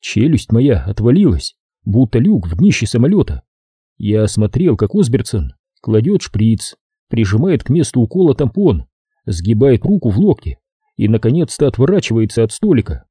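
A male audiobook narrator telling the story in measured first person. His voice is very dark and husky, with animated pitch movement. The recording is close and completely dry. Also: no echo. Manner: measured storytelling, lively intonation. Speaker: audiobook reader. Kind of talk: scripted narration.

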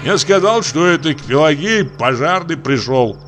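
Grumpy sleepy husband, dismissive and slow, storybook reading, as the reader plays him. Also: male voice, fairly high pitch, expressive, fairly bright tone, faint music behind, voice pushed up. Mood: grumbling. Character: sleepy, grumbling male assistant prosecutor, middle-aged.

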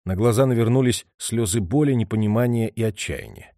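A man reading a story aloud as a narrator, in an expressive storytelling manner. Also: on the low side, brisk, no echo, clean studio sound. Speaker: audiobook narrator. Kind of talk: scripted narration.

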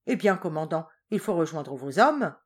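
A woman's voice: deep voice, sing-song, moderate pace, husky, exaggerated voice. A woman reading an audiobook voices a domineering male general who barks orders at his soldiers. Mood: mocking. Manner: barking commands.

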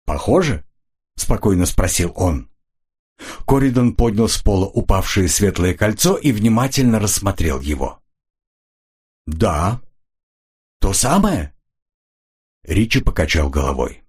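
A man narrating a detective audiobook in an even, expressive reading. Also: low voice, normal speed, breathy edge.

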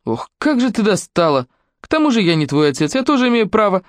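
A woman's voice: medium pitch, sing-song, fast talker, no echo, pitched above the performer's own voice, natural voice. A woman reading the part of a cruel middle-aged stepfather in a storybook reading, his voice honeyed and coaxing with a threatening edge. The recording is close and dry, with no room sound. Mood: menacing. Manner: wheedling, honeyed voice turning to threatening shouts.

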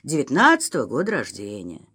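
A woman's voice: extremely low pitch, huge pitch swings, fairly quick, a bit bright, slightly rough, voice pushed down, heavily acted. A woman voicing a practical, talkative young male postal worker in an audiobook reading, speaking in a chatty, explaining way.

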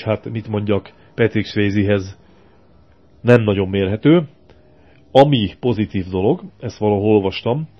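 A man co-hosting a casual radio show, reviewing a film in a crude, sarcastic rant. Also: fairly low pitch. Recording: compressed lo-fi radio archive.

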